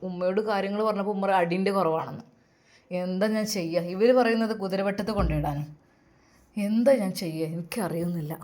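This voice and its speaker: A hot-tempered young husband in an audio story, firing off sharp, scolding questions at his wife, as a woman narrator lowers her voice to play him. The Malabar Malayalam lilt stays, pitched lower than her narration. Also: close to an everyday voice. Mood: exasperated. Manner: harsh, scolding, rapid questions. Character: angry, hurt young husband, quick-tempered.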